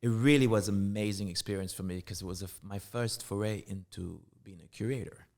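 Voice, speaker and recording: A middle-aged Jamaican man, appearing as a guest artist in a casual interview, speaks in a lowish, gravelly, slightly mellow voice. He comes across as reflective and halting, frequently starting his sentences over.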